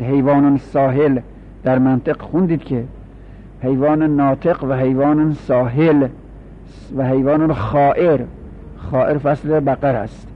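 A man teaching a grammar class, explaining slowly and repeating each form for his students. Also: medium pitch. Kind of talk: classroom lecture. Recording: dull lo-fi recording with faint hum.

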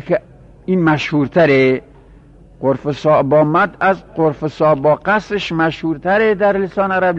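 A man teaching a grammar class, reading lines slowly, then explaining quickly and quizzing his students. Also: a little high. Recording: dull lo-fi recording.

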